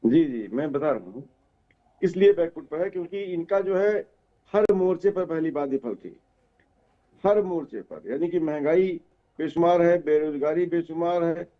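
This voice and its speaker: A man's voice: on the high side, expressive, normal speed, dull audio. A man making emphatic points as a panelist in a TV news debate. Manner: emphatic, listing grievances. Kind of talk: political commentary on TV debate.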